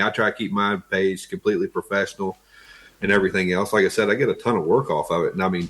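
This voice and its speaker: Low-voiced Appalachian man, folksy and casual. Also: fairly bright tone. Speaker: interview guest, wood flooring tradesman. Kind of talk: casual interview chat.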